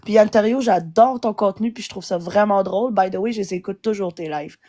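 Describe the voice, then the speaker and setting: A woman's voice: mid-range voice, brisk, warm tone. A woman with a Québécois French accent ranting angrily as a guest on a live stream, swearing often. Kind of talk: angry live-stream rant.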